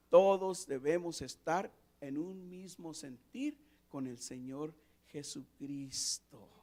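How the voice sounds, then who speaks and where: High-voiced, slow, emphatic male preacher. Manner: emphatic, swings between soft asides and loud passionate peaks; repeats key phrases for emphasis. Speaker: pastor. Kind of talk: Spanish-language sermon and closing prayer. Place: church sanctuary.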